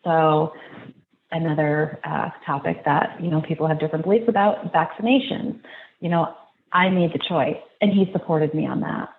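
A woman guest in an interview, reflecting slowly and haltingly, restarting her sentences. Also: low-pitched, fairly even intonation. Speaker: podcast guest. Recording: tinny phone-like line, faint noise.

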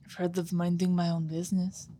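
A woman playing a tabletop role-playing game casually, with a husky voice and a curt, dry, dismissive manner. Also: fairly low pitch, completely flat delivery, brisk, dark tone, slight background noise. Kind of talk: casual in-character game play.

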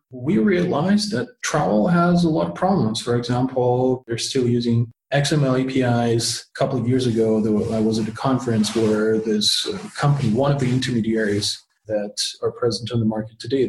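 A man's voice: medium pitch, darkish tone. A man with a slight Russian accent answering conversationally as an interview guest. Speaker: interview guest, tech startup co-founder. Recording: roomy, echoey sound.

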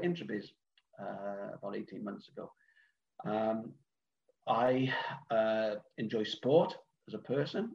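This middle-aged Welsh man from Cardiff has a medium-pitched, creaky voice. He's a podcast guest and event organiser, chatting casually and rambling hesitantly with plenty of ums, uhs and restarts. He joins over a remote online call, and the audio sounds dull and lo-fi.

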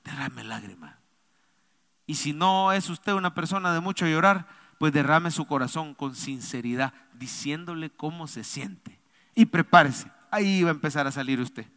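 A man preaching a sermon as a pastor to a congregation, swinging between quiet, intimate passages and loud, urgent calls. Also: on the high side, moderate pace, long reverb tail. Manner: preaching to a congregation, rising and falling from soft to loud. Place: church.

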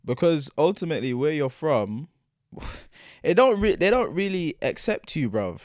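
A young man with a London roadman accent, debating casually in animated, argumentative slang. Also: on the high side, unhurried, no room sound, clean studio sound. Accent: London, multicultural urban roadman slang.

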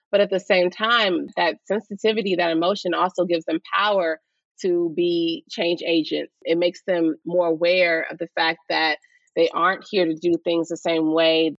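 A woman's voice: lowish voice, creaky, no room sound, lo-fi sound. A woman teacher, giving thoughtful, earnest and passionate interview answers. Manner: earnest, passionate about students. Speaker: high school or college teacher.

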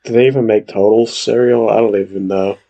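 A man co-hosts a podcast in relaxed chat, throwing in jokes and laughing at his own puns. His voice sits low. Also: a little fast, highs cut off. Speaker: podcast co-host. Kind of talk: casual chat.

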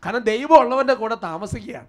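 High-pitched male preacher with a sermon delivery and soft music in the background. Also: brisk. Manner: fervent prayer, then steady teaching. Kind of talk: sermon with prayer and worship.

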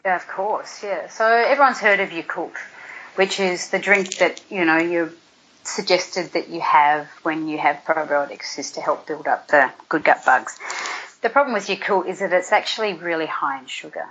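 A woman's voice: fairly low pitch, moderate pace, fairly bright tone, slight background noise. A middle-aged woman, a guest nutrition expert, explaining food and gut health in a chatty, practical way with everyday examples. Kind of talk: casual explanatory chat. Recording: dull lo-fi audio.

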